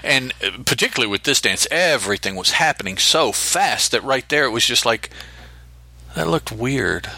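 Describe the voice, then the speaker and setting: A man co-hosting a podcast, talking casually with halting restarts. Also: medium pitch, animated, pushed and bright, dry recording. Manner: halting, with restarts and counting aloud. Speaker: podcast co-host. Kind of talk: casual chat.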